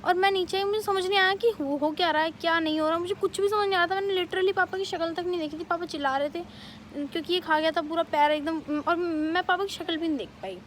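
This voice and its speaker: A young woman vlogger telling a family story in a casual, animated way, with many fillers. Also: extremely high pitch, a little hiss or hum. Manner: animated retelling, quick bursts, many fillers.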